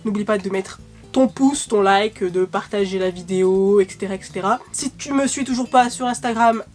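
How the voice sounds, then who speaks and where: A woman's voice: medium pitch, normal speed, a little mellow, faint music behind. A young woman with a cold, coughing now and then, chatting casually and rambling with lots of fillers in a vlog. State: sick, coughing. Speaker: YouTuber.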